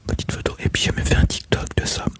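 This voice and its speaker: A man whispering softly to viewers during a live stream, chatting casually in a hushed voice. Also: fast talker. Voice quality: whispering, low gravelly voice. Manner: soft, intimate whisper to viewers.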